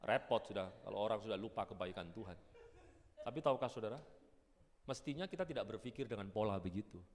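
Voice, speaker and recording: A man preaching a sermon, animated and swinging between loud and hushed delivery. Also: lowish voice, very fast. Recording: echoey church hall.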